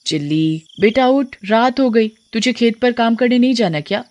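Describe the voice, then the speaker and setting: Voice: medium pitch, expressive, moderate pace, darkish tone, pitched above the performer's own voice, natural voice. A nagging village mother, put on by the narrator. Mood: scolding.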